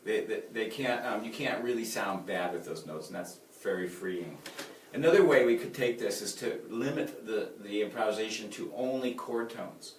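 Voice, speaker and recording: A man's voice: on the low side, moderate pace, a little hiss or hum. Guy teaching piano, calls out the notes, echoey room, mic kinda far off. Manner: explains chord tones by counting them out, relaxed. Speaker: music teacher. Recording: roomy sound, mic at a distance. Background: piano playing.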